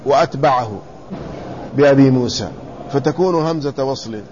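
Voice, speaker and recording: A man's voice: mid-range voice, darkish tone. Man teaching from a classical text. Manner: reads quoted commentary, then explains it slowly and repeats words to spell out vowels. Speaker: teacher explaining hadith commentary. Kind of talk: classical Arabic lesson reading and explaining a text. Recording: slightly dull lo-fi recording with faint room noise.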